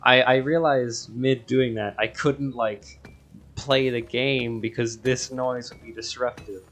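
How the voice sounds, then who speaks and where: A man with a scratchy voice hosts a gaming video, rambling through casual gameplay commentary and interrupting himself. His pitch is medium, his tone steady and fairly bright, and he talks at a slow pace.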